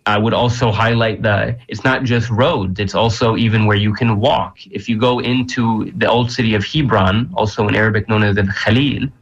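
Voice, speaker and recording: A man of Palestinian American background answering interview questions earnestly, often pausing with fillers. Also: on the low side, steady tone, slightly rough, lo-fi sound. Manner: earnest, searching for words with frequent fillers. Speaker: guest.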